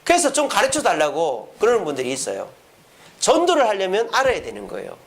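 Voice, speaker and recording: Pitched high and gravelly, a man's voice moves along fairly quickly as he preaches at a church prayer service. As pastor, he poses questions to the congregation and answers them on his own, giving quoted lines lively, acted-out voices in his sermon.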